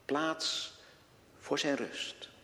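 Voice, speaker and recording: Slow, deliberate male preacher in a reverberant church. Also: sharp tone. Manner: slow, deliberate delivery with rhetorical questions. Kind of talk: sermon. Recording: long reverb of a church hall.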